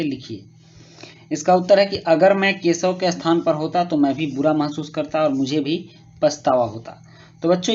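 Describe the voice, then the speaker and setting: A male teacher patiently explaining a school worksheet to children, often pausing with fillers and rephrasing. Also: on the high side, a little mellow. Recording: muffled lo-fi recording.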